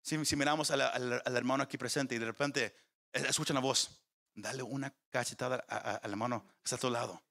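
A man's voice: medium pitch, steady tone, fairly quick, vocal fry, sharp tone. A man preaching a sermon to his congregation, climbing in emphasis, often stumbling over repeated words and putting questions to the listeners. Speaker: pastor.

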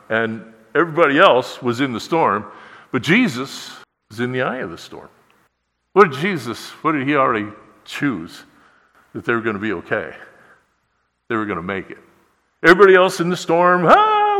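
A man's voice: mid-range voice, sharp tone, big-room sound. A man preaching a sermon in a conversational way, often putting rhetorical questions to the congregation. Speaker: pastor.

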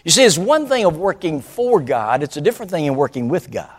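A man's voice: a little high, animated, brisk, husky. A male pastor preaching a sermon, telling stories and calling out to the congregation. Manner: storytelling, calls out to the congregation. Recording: long hall reverb.

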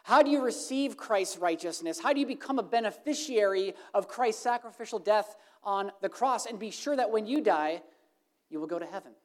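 A woman preaching an evangelistic sermon, earnest, swinging from emphatic lines to hushed, soft ones. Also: mid-range voice, expressive, moderate pace.

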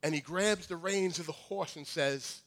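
A man's voice: on the high side, normal speed, fairly bright tone. A man preaching a storytelling sermon in an emphatic, conversational way, often repeating words. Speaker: pastor.

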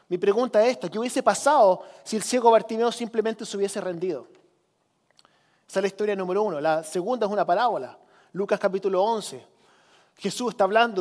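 A man's voice: high-pitched, a little mellow, big-room sound. A man preaching a sermon as pastor, earnest and urging, acting out the voices in the stories he tells.

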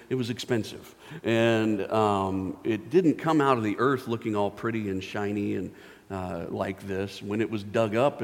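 Casual preacher in a reverberant hall. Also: male voice, lowish voice. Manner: casual storytelling with playful voiced asides and many fillers. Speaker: pastor. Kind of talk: sermon.

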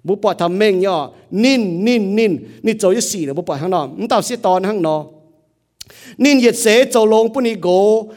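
A man's voice: high-pitched, a little mellow. A man preaching a sermon as pastor, with a rising and falling delivery.

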